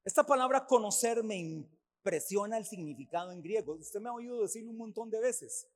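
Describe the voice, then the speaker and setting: A man preaches a sermon at a church service, his voice pitched high for a man. He drives his points home by repeating them in lists. He swings between loud, forceful phrases and hushed, quiet ones. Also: animated, a little fast. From Costa Rica. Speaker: pastor.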